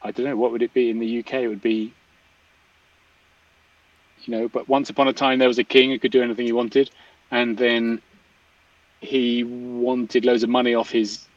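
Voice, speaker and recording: A man explains things casually and thoughtfully, often restarting and rephrasing as he goes. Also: medium pitch. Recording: distant mic, slightly dull, dry sound.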